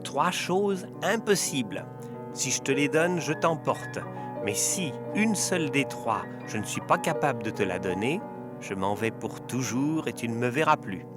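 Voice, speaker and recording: A man voicing a spiteful old female witch with a shrill, sour, nasty voice, reading a storybook tale. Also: lively intonation, unhurried, loud music behind the voice, lightly acted. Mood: bossy. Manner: sneering, taunting.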